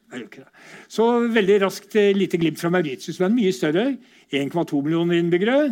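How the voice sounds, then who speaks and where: Higher-pitched man giving a lively lecture. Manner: lively, conversational, asks rhetorical questions. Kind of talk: informal lecture with slides.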